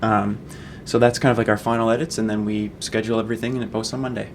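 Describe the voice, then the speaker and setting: A young man from Canada, a student managing editor answering interview questions in a relaxed, rambling way with many ums. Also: on the low side, quick pace, slight background noise. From Fredericton, Canada. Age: young adult.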